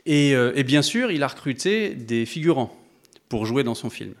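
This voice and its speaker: A man preaching a sermon to a congregation, thoughtful and conversational, often pausing and restarting as he addresses his listeners directly. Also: medium pitch, very animated.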